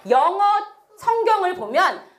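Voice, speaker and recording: A middle-aged woman missionary giving a sermon in a church, animated, telling stories and quizzing the congregation. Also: very high voice, a little slow. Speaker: missionary preacher. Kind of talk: sermon with prayer and congregation call-and-response. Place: church sanctuary.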